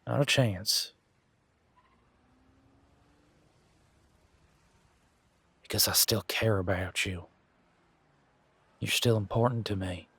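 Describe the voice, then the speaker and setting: Man playing Gavin, gravelly low-voiced flirty werewolf. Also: a little slow, fairly bright tone, no room sound, exaggerated voice. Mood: tender, sincere. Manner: teasing, informal, conversational. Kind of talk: roleplay audio drama, one side of a dialogue.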